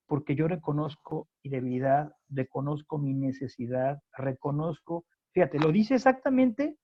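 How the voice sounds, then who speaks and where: Mexican pastor guy preaching hard, husky voice, kinda high, dry dull lo-fi sound. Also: dry recording. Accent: Mexican Spanish. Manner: impassioned preaching, rising to near-shouts when quoting scripture. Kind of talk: sermon at a home group.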